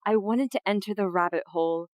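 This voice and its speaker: A voice actress and streamer appears as a guest on a podcast, chatting casually in a playful, giggly manner that jumps into high, excited tones. She speaks a little fast, and the sound is clean studio audio with no room echo.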